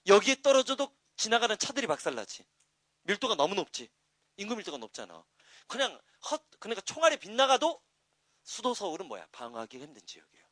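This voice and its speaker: Male teacher, middle-aged, classroom lecture, dry close sound, higher pitch, chatty. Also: fast, no room sound. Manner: lively, talkative, asks and answers his own questions. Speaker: English teacher.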